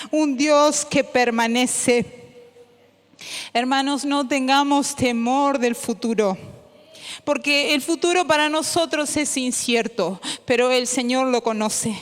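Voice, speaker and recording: A woman preaching a sermon in a church, with slow, emphatic repetition that rises into fervent prayer. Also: high voice. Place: church sanctuary. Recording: long echoey church hall reverb.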